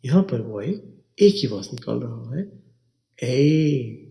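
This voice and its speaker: A man teaching English words slowly, spelling each one letter by letter and repeating it. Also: mid-range voice, lively intonation, gravelly, warm tone. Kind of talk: slow spelling and pronunciation lesson.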